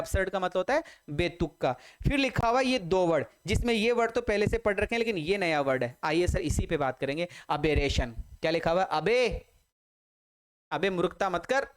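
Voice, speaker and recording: A man with a high, smooth, resonant voice runs an online vocabulary lesson. He drills each word over and over and spells it out letter by letter. Playful memory tricks and eager check-ins with his students keep it moving. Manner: jokey mnemonics, calls students his children and his army. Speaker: English vocabulary teacher.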